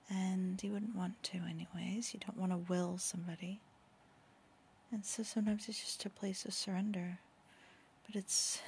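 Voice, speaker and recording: A woman's voice: lowish voice, creaky, slight background noise. A woman in her thirties whispering a podcast at home late at night, yawning often as babies sleep beside her. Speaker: podcast host and author.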